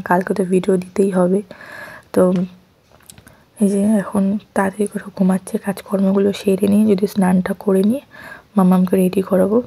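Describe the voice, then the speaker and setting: A young woman with a cold and a sore throat, speaking softly in a vlog voice-over, sniffling now and then. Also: medium pitch, gravelly, breathy edge. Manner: speaks softly and quietly at night. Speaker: lifestyle vlogger. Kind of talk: soft-spoken vlog voice-over.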